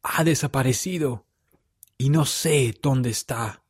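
A man reading a story aloud and voicing a broken-hearted, ashamed man who laments slowly. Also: medium pitch, husky, no echo, studio quality, pitched above the performer's own voice. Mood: despairing. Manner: lamenting, slow and heavy.

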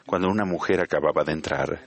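A man giving the Spanish interpretation of a church talk, reading it in a measured, steady way. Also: rumbling low, creaky. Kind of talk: read sermon interpretation.

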